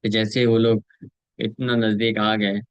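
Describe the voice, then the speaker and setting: A man with an Indian accent gives a scripture class, chanting verses slowly and then explaining them in a measured teaching tone. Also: lowish voice, little pitch movement, clean tone, dry recording, muffled recording. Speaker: spiritual teacher. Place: temple lecture room.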